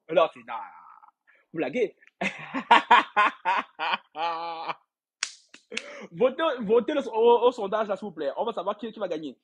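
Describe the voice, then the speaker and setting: Man, live-stream gossip host, casual chat, rambling and repetitive, frequent laughs, husky, higher-pitched voice. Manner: rambling, repeats words, laughs often, addresses viewers directly.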